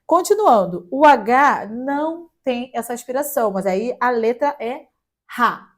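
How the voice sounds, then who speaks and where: A young woman with a Brazilian Portuguese accent teaches German in a relaxed, chatty way. Her voice sits a little high, and she stretches out letters as she spells them. Now and then she slips in a light joke. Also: unhurried. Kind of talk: casual online language lesson.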